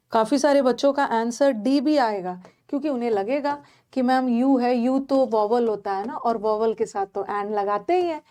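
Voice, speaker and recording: A woman's voice: a little high, dark tone. A woman teaching English grammar in an online exam-prep lesson. She speaks with an Indian English accent, explains step by step in a mix of Hindi and English, and repeats her points to check the class is following.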